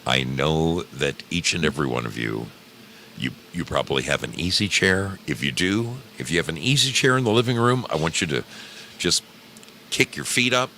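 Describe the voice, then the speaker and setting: A man's voice: rumbling low, lively intonation, bright, forceful tone, a little hiss or hum. A man hosting a radio-style livestream, coaxing listeners intimately as if right in their ear, drawing out and repeating his phrases. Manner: drawn-out, repeats phrases for effect. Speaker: host of an old time radio programme livestream. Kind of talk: casual livestream chat, easing listeners into a story. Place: garage with a heater running.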